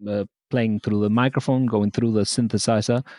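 A soft-spoken musician from Argentina, a man with a low, mellow voice. He answers interview questions with frequent pauses. The recording is dry and close. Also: fairly even intonation, no echo. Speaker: musician guest. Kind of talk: casual interview.

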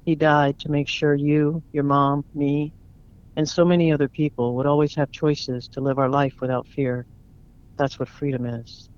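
A heartbroken retired soldier and grandfather, as a man reads him aloud, speaking in a choked voice that is a little higher than most men's. The sound is dull and lo-fi, as if from a storybook reading. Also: level tone, moderate pace, darkish tone, smooth, natural voice. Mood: tender. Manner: choked, grief-stricken. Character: grieving retired military grandfather. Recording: dull lo-fi recording.

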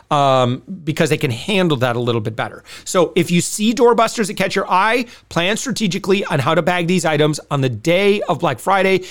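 High-pitched man, chatty podcast host. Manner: chatty, direct address with rhetorical check-in questions. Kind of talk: conversational sponsor read and shopping advice to listeners.

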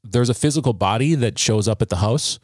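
A man in his thirties, a podcast guest, telling a personal story in an earnest, halting way with frequent restarts. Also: medium pitch, darkish tone, no room sound, studio quality.

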